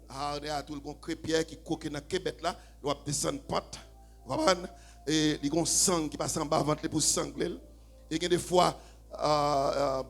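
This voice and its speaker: Man, Haitian accent, pastor, sermon in church, husky high voice, keyboard softly behind. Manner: swings from low, quiet talk to shouted, half-sung preaching. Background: faint keyboard.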